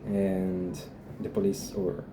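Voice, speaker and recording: Speaking slowly in a deep, monotone voice, a young man from Guatemala, a native Spanish speaker, shares his visa experience in a casual vlog shot at home in Spain. He hesitates a lot and uses many fillers, while a dog barks in the noisy room.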